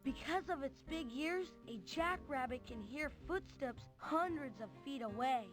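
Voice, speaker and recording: Putt-Putt, a very high childlike car. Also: female voice, expressive, a little slow, over music. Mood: curious. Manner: earnest, polite, childlike. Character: cheerful, polite little child car. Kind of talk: children's adventure game voice acting.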